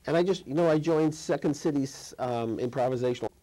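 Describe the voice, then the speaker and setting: A man's voice: a little high, fairly quick, mellow, rough recording. A man in his fifties from Chicago, a guest filmmaker in a studio interview, speaking thoughtfully with frequent restarts and trailing phrases. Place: TV studio set.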